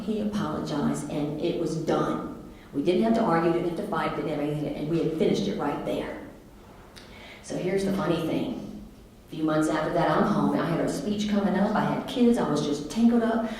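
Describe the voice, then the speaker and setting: A woman's voice: fairly low pitch, a little hiss or hum. Middle-aged woman, motivational speaker, chatty storytelling, very echoey hall. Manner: lively, conversational, animated. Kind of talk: storytelling keynote talk.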